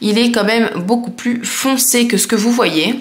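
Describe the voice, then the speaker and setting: A woman's voice: a little high, moderate pace. A woman vlogger chatting casually and enthusiastically as she reviews nail polishes, with frequent fillers.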